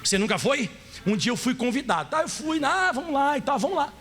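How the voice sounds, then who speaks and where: A male pastor from Rio Grande do Sul, Brazil, preaches a sermon in a Gaúcho Brazilian Portuguese accent. His high, slightly rough voice is brisk and very expressive as he plays around, talks to the crowd, acts out voices and asks the audience questions.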